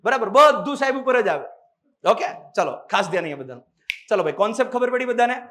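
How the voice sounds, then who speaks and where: Talking fast in a voice that sits high, a male teacher delivers an energetic classroom lecture. He drills students with call-and-response questions and frequently calls out to them.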